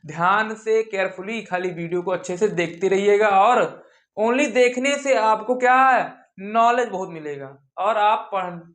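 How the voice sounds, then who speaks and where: A man teaching English reading rules at a whiteboard, asking questions and repeating each word slowly for the class. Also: high voice, fairly bright tone. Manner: drills with call-and-response questions, repeats words slowly. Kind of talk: whiteboard phonics lesson.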